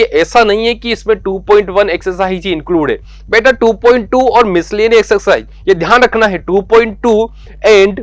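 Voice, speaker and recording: A man's voice: sits high, dry recording. A man teaching maths to school students. He goes through the exam syllabus, coaxes them and repeats the key points. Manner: coaxing, repeats key points, calls students beta and yaar.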